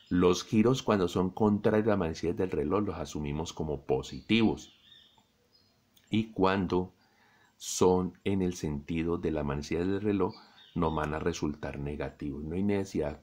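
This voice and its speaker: A middle-aged Colombian man teaching a physics lesson, explaining slowly and deliberately to his students. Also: low voice, a little mellow. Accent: Colombian Spanish. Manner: slow, deliberate explaining, addresses students directly. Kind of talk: recorded classroom lesson.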